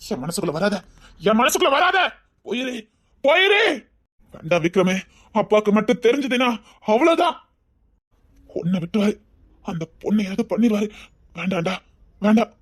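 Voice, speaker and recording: Man with a Tirunelveli accent, anguished. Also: high voice. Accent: Tirunelveli Tamil. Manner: anguished inner monologue. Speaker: actor in a homemade drama.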